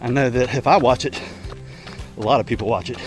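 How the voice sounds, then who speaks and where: A middle-aged man chatting casually and ramblingly to his vlog while running, in short broken phrases with pauses. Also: medium pitch, fairly even intonation, faint music behind. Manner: talking while running, slightly effortful. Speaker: vlogger. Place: outdoors, on the move.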